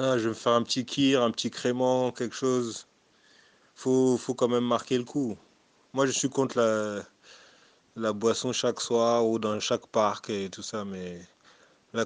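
A man's voice: medium pitch, clean tone, no echo. Man, laughing jokey slangy chat, dry close sound, no room. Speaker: friend on a group call. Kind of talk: casual chat.

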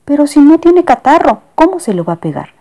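A woman voicing a doting, fussy lady passenger in a storybook reading, with a high cooing manner. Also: big pitch swings, a little fast, dark tone.

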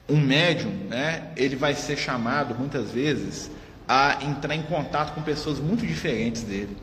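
A man's voice: mid-range voice, fairly bright tone. A man leading a study group in a spiritist center's meeting room, talking informally, often tagging his sentences with questions and acting out what others said. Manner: conversational, peppers speech with tag questions, acts out quoted speech. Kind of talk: informal teaching talk. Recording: echoey hall with faint noise.

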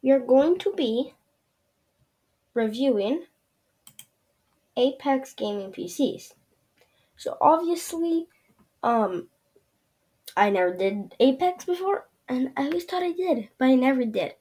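This woman hosts her own podcast and wanders through a screen-share review, loose and rambling, with plenty of fillers and a habit of trailing off on "yeah." Her voice is high, dark and slightly rough, expressive but slow, with long pauses.

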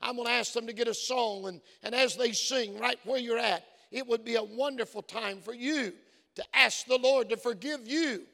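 The pastor's very high-pitched voice is creaky and sharp, moving at normal speed and worn from many phone calls. He preaches a sermon with earnest storytelling that builds to fervent exhortation, recorded in a church hall with long reverb.

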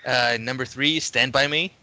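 A man co-hosting a casual podcast, reading out a listener list and joking with deadpan delivery. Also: medium pitch, moderate pace, no room sound. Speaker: podcast co-host. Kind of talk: casual chat. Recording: dry, dull lo-fi audio.

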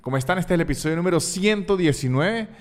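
A man's voice: on the high side, lively intonation, quick pace. A man hosting his own podcast as a stand-up comedian, talking casually in a playful, joking, rambling way and correcting himself as he goes.

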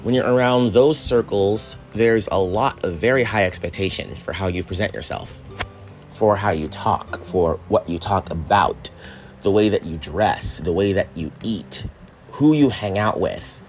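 A man with a fairly low voice talks through his thoughts in a relaxed, reflective monologue. He rambles a bit, cracks self-deprecating asides and swears now and then. Faint music plays softly behind him. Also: measured pace. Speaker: podcast host.

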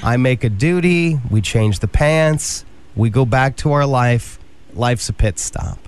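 A man's voice: mid-range voice, a little slow, clear, resonant tone. A man in his thirties, a radio show host, chatting casually and telling self-mocking stories. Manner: easygoing storyteller, self-mocking. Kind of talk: casual morning radio chat.

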